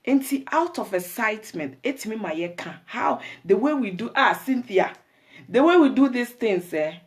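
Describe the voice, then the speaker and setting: A woman's voice: on the high side, expressive, moderate pace. A woman with a Ghanaian accent hosting a live talk show, chatting with viewers, greeting them by name and giving advice to women.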